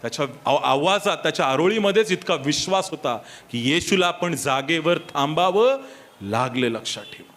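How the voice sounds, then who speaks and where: Bright, high-voiced man preaching. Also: animated, normal speed. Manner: emphatic, with rhetorical questions and repeated reminders to the listeners; switches briefly into English for key points. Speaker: pastor. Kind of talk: sermon. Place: church service.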